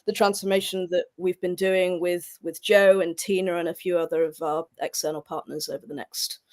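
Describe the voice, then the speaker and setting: A woman guest on a webinar panel, introducing herself in a friendly, relaxed way. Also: on the low side, moderate pace. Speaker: head of global mobility, guest.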